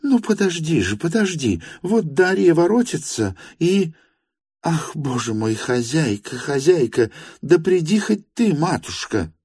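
A man voicing an imperious, agitated older noblewoman in an audiobook reading, shrill and commanding. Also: very animated, slow pace, slightly rough, dry recording, clean studio sound, full character voice. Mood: frantic. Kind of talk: audiobook character voice.

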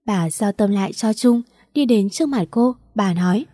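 A woman reads a romance novel aloud in a steady storytelling voice. Her tone is mellow and warm. She sits close to the mic in a dry, dead-quiet recording. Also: medium pitch, moderate pace, dry recording. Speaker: audiobook narrator.

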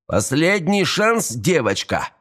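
A man voicing a cruel, mocking young male gang thug in an audiobook, with a high, sneering, taunting voice. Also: very animated, moderate pace.

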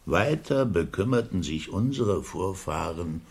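A man's voice: deep voice, animated, unhurried, breathy edge, heavily acted. Pompous learned old man. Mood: lecturing.

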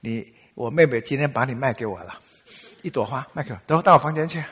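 A man's voice: medium pitch, fast, fairly bright tone, breathy edge. A man voicing Leah, a possessive young wife who blocks her husband at the door, as part of a sermon. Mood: insistent.

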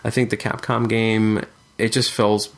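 A man's voice: fairly low pitch, little pitch movement, measured pace. A man co-hosting a casual podcast chat, talking thoughtfully with frequent fillers and restarts. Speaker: podcast co-host discussing retro games.

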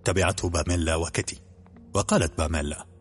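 A man narrating an audiobook in a brisk, even storytelling manner. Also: sits low, soft background music.

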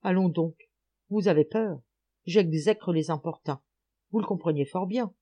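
A gruff, hostile hulk of a man, as a woman reading the audiobook puts him on, shouting his contempt and loud with anger. The tone is mellow and dark, and the reading is storybook-style. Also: lowish voice, a little slow, lo-fi sound. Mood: scornful. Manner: shouting, scornful.

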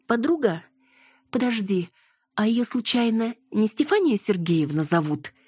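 A woman's voice: fairly high pitch, animated, measured pace, a little mellow, slightly rough, dry recording, clean studio sound, pitched above the performer's own voice. A woman voicing an exasperated, impulsive young woman who exclaims in a raised voice.

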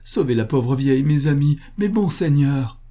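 A man's voice: medium pitch, lively intonation, normal speed, warm tone, breathy edge, pitched above the performer's own voice. A man reading a story aloud, voicing a desperate older village butcher who pleads in an anguished, raised voice. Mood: anguished pleading.

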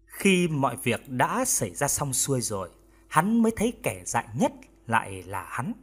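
A man narrating an audiobook in an expressive storytelling manner. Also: medium pitch, moderate pace, husky.

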